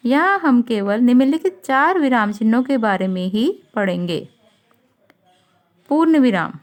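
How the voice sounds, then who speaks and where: Slow, careful woman teacher. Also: high-pitched. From India. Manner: slow, deliberate classroom explanation. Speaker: school teacher. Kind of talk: online grammar lesson for children.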